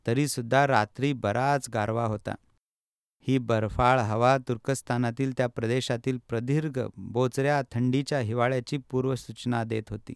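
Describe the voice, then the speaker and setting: A man reading a first-person travel memoir aloud in steady, measured narration. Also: medium pitch, clean tone, dry recording, studio quality.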